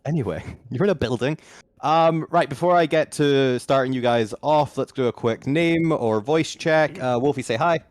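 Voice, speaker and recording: Man on a loud clipping mic. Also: mid-range voice, moderate pace, dry recording. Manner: dramatic recap narration, relaxed banter between. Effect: loud clipping, distorted mic. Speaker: game master. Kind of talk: narrating a tabletop game over voice chat. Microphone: home computer mic on voice chat.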